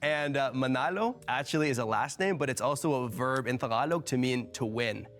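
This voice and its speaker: A man's voice: medium pitch, brisk, a crowd in the background. A man raised in Canada chatting in a casual group conversation, friendly and eager to do well. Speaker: interview show participant.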